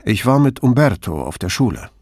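A calm, direct police commissioner, read by a man in his own fairly low voice. He is polite and matter-of-fact. The sound is dry and close. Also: fairly quick, dry recording.

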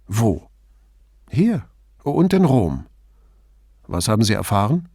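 A man's voice: on the low side, big pitch swings, slow, dark tone, no room sound, studio quality, heavily acted. A man voicing a terse police commissioner who asks short, clipped questions in an audiobook. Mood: probing.

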